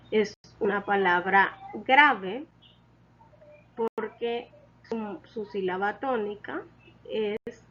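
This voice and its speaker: Female teacher, deliberate and patient, husky tone, muffled lo-fi sound. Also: mid-range voice. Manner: deliberate, patient, repeats key points. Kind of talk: slow explanatory lesson.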